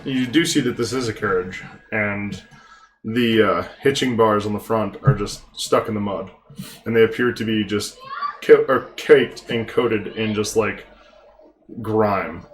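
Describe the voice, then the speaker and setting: A man narrating a tabletop game as game master, improvising descriptions and halting as he searches for words. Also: fairly low pitch, a little hiss or hum.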